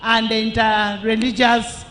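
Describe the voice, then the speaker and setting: A Ugandan-accented man giving a rousing political rally speech in emphatic, deliberate short bursts. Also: sits high, level tone, bright, forceful tone, a little hiss or hum. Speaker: political speaker welcoming the president. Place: political rally, speaking through a microphone.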